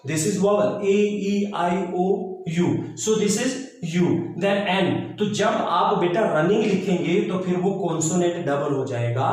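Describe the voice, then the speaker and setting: Slow-speaking male teacher in an echoey classroom. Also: high-pitched, a little mellow. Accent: Haryanvi Hindi. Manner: slow deliberate English dictation, quick Hindi explanation; spells words letter by letter. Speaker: English teacher. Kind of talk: classroom grammar lecture. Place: classroom with a board. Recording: very echoey room.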